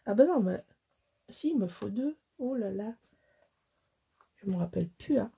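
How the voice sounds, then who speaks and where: Mellow husky-voiced crafting woman. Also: mid-range voice, lively intonation, unhurried. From Alsace, France. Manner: rambling, self-mocking, many restarts. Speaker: scrapbooking crafter. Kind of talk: casual crafting tutorial chat.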